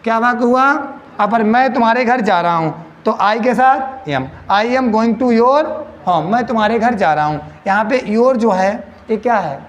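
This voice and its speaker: A man's voice: high-pitched, lively intonation, unhurried, a little hiss or hum. A man teaching English grammar to a class, repeating each question back to his students. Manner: repeats questions to students, addresses them as beta. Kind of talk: classroom lesson in Hindi. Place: coaching classroom.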